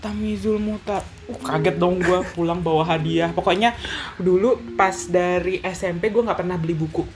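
A man from Lampung, Indonesia, telling stories in a casual chat as co-host, relaxed and quick to laugh. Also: high voice, music in the background. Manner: laid-back storytelling, laughs often.

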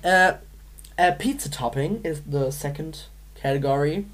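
Brief: low, unhurried woman co-host, playful and giggly, casual game chat. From Manchester, England. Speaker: podcast co-host.

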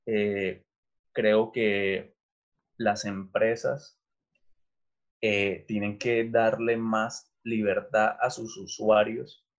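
A middle-aged Venezuelan man with a fairly low voice is interviewed as a teacher, speaking in an easygoing, thoughtful, thinking-aloud way with flat delivery. He frequently pauses on fillers and restarts sentences in this casual interview. The recording sounds dull and lo-fi.

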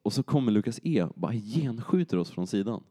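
A man's voice: on the low side, sing-song, warm tone, breathy edge. A young man casually telling a long story on a podcast, rambling with fillers and acted-out quotes.

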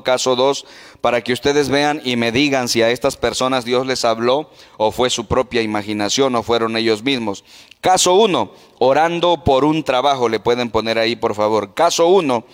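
A man's voice: mid-range voice, long reverb tail. A man preaching a sermon as pastor, putting questions to the congregation.

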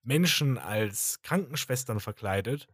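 A man's voice: medium pitch, expressive, unhurried, fairly bright tone, breathy edge, dry recording. A man in casual conversation gives blunt opinions and adds wry asides. His voice is recorded close and dry, with no room sound. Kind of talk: casual chat.

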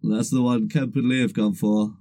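A man's voice: mid-range voice, flat delivery, moderate pace, warm tone. An English man with a blocked nose hosting a podcast quiz, reading questions playfully and giggling easily. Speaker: quiz host.

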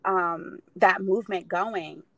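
A woman's voice: fairly low pitch, slow, bright, forceful tone, no room sound. A woman guest on a podcast interview, speaking confidently and emphatically about her work. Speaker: guest, real estate investor. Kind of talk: casual conversational interview.

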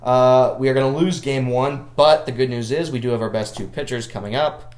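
A man co-hosting a casual sports chat in a living room, with dry, self-deprecating joking and a medium-pitched voice. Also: fairly even intonation, a little fast, darkish tone, reverberant. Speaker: podcast host.

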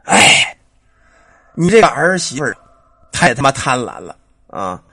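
A man voicing the ghost of a dead old father who speaks through his daughter-in-law, slow and commanding. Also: mid-range voice, sing-song, pushed and bright, husky, no echo, pitched below the performer's own voice, exaggerated voice. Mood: scolding. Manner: slow, drawn-out, commanding speech.

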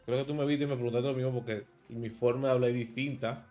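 A man in his thirties from Santo Domingo with a Dominican accent, hosting a relaxed streamed interview and explaining local slang with a laugh. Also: mid-range voice, fast talker, faint music behind. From Dominican Republic. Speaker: host.

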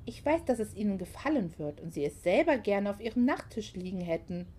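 Woman reading a soft-spoken young mother. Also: mid-range voice, big pitch swings, brisk, a little hiss or hum, close to an everyday voice. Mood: gentle.

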